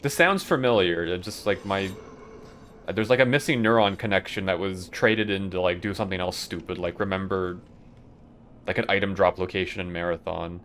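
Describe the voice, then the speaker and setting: A man's voice: sits low, moderate pace, fairly bright tone, a little hiss or hum. A young man streaming a video game, chatting casually in a rambling, profane way and chuckling often. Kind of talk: casual chat while playing a game live.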